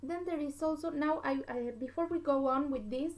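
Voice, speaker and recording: A woman with an Argentine Spanish accent giving a literature lecture, patient and repetitive, often checking understanding with a quick "yes?". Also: high voice, a little mellow, low-quality recording. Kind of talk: classroom lecture.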